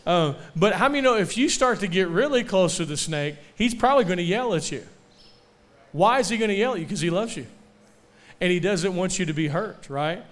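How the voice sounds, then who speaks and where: A young man preaching a sermon at a camp, asking for amens and slowing down to stress key lines. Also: high voice, animated. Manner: call-and-response, asking for amens; slows down to stress key phrases. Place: camp meeting.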